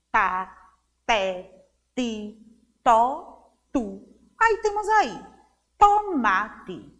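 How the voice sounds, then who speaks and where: Brief: woman, Brazilian accent, schoolteacher for little kids; slow, patient, pitch leaps around; reverberant room sound. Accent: Brazilian Portuguese. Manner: slow, drawn-out syllable drills with frequent "tá?" checks; warm, encouraging classroom tone to young pupils. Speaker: teacher. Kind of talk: children's phonics lesson.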